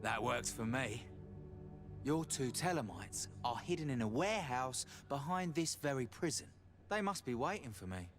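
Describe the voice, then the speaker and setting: An actor playing a wry, sardonic jailed smuggler who bargains, in a video game. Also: male voice, mid-range voice, big pitch swings, normal speed, close to an everyday voice. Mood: wry, bargaining. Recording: music behind the dialogue.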